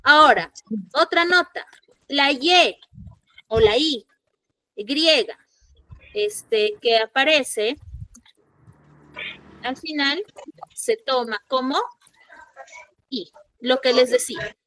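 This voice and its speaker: A woman with a high, bright voice teaches a secondary school language class online. She keeps asking her students questions and goes back over each rule. The sound is dry and close, with no room echo. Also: slow, long pauses. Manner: questioning, repeats key points for students. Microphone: computer mic in an online class.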